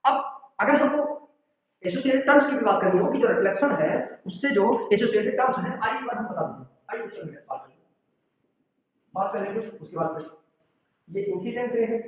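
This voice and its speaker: A man's voice: high voice, normal speed. A physics teacher lectures in a very echoey room. He stands far from the mic, and the recording sounds dull. He explains step by step and keeps checking that the students follow. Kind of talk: classroom lecture.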